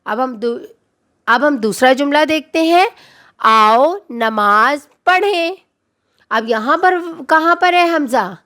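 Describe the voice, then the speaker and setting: A woman teaching a children's reading lesson, asking questions, answering them herself and drawing words out slowly. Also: high-pitched, lively intonation, a bit bright. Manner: slow, drawn-out call-and-response prompting.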